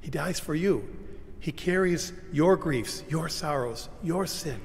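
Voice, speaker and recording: An older man preaching a sermon from a pulpit, dramatic, moving from loud cries to hushed whispers. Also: fairly high pitch, lively intonation, slow. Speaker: pastor. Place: large church sanctuary, standing at a pulpit. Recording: long church reverb, faint room hum.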